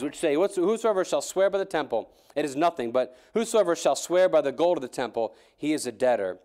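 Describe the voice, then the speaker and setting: A man preaching a sermon in a church, talking in a halting way with many fillers and restarts. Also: fairly high pitch, darkish tone.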